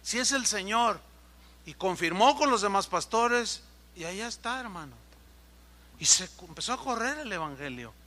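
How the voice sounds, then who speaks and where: A man preaching a sermon as pastor, acting out quoted conversations in an animated way. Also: high-pitched, moderate pace. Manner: animated, acts out dialogue in quoted voices.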